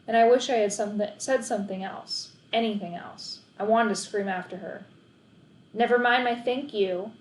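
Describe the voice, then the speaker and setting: A woman reading a children's novel aloud with expressive storytelling. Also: mid-range voice. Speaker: reader of a children's book. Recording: roomy, faint hiss.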